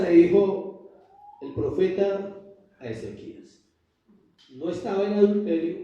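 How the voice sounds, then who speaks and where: Man, pastor, emphatic sermon, higher voice, mellow tone, echoey church hall, distant mic. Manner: emphatic call-and-response preaching.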